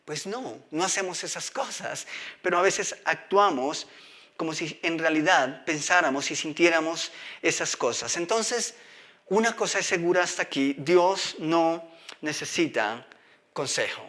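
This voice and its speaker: Bright-voiced, high-pitched male preacher. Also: lively intonation, a little slow. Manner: asks the audience questions, reads scripture aloud. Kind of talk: sermon.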